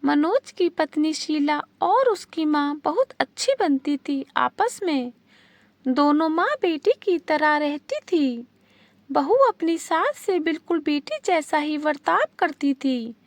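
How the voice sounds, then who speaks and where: A woman narrating a scripted family story in an even, plain reading manner. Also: high voice, takes it slowly, dry recording.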